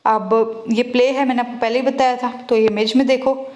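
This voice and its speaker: A woman teacher explaining an English play in Hindi. She reads the English lines slowly. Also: a little high, fairly even intonation, a little mellow, echoey room.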